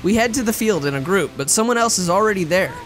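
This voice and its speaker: A person reading visual novel narration aloud in a somewhat halting way. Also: medium pitch, expressive, a bit bright, faint music behind. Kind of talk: live read-aloud of visual novel script, narration and dialogue.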